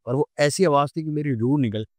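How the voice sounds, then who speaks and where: A young man with a Delhi Hindi accent telling a true ghost story on a podcast, animated and acting out the scenes. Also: fairly high pitch, a little fast, dry recording, studio quality. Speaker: podcast guest.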